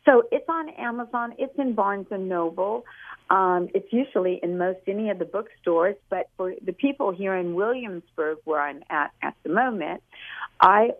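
A woman's voice: mid-range voice, moderate pace. An older woman from California, a guest author, speaking over a phone line in a chatty, rambling, storytelling way. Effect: heard over a phone line. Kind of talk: phone interview.

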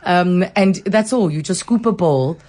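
A woman's voice: on the low side, unhurried, mellow. A woman with a South African accent hosting an informal radio interview in an effusive, chatty way. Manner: effusive, chuckles often. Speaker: radio host.

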